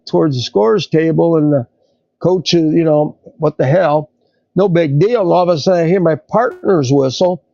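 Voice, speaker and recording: Gravelly man, fairly high voice, halting storyteller, dull dry lo-fi sound. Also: a little mellow, no echo. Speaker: podcast co-host. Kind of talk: casual storytelling.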